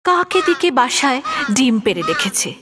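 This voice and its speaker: Woman narrator for kids' animated stories, lively and fairly high. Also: moderate pace, noisy background. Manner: expressive, addresses the young listener. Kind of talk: storybook narration for children.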